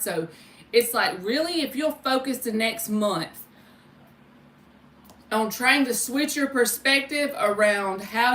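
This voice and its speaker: On a tarot livestream, a woman with a bright, fairly high voice chats informally with her audience, addressing viewers by name and letting slip some mild swearing between spiritual readings. The recording sounds roomy, picked up by a distant mic with faint background noise.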